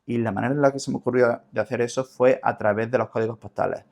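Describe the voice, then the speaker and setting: A man's voice: medium pitch, steady tone, fast talker, gravelly, darkish tone. A man with an Andalusian Spanish accent explaining things didactically as a linguist in an interview, often repeating words as he searches for the next. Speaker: linguist guest.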